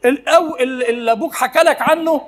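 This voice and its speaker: A man's voice: extremely high pitch, fast talker. A male preacher with an Egyptian accent giving a conversational sermon, often asking his listeners questions and laughing as he talks. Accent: Egyptian Arabic.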